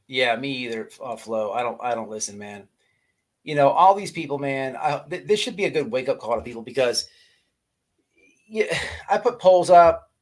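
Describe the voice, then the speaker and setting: Expressive and mid-range, this man's voice moves at moderate pace as he runs a laid-back livestream. Talking to his viewers, he rants in crude slang, often stumbling and saying words twice.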